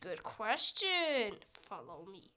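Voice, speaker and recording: This youthful gameplay streamer has a medium-pitched, pushed, bright voice and takes things slowly yet very animatedly. She's chatty and silly, reading the game's dialogue out loud between squealing bursts.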